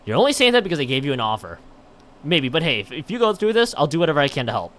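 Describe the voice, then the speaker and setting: This man talks very fast in a fairly high, sing-song voice with a fairly bright tone. On his livestream he chats and reads a visual novel out loud, regularly fumbling lines and going back over them.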